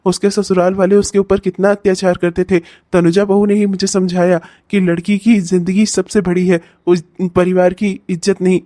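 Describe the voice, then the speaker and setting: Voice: mid-range voice, flat delivery, moderate pace, few pauses, warm tone, no room sound, studio quality, lightly acted. A performer voicing a chatty elderly village uncle in a cartoon, cheerful and proud of his daughter, chuckling and repeating praise. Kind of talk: cartoon voice acting.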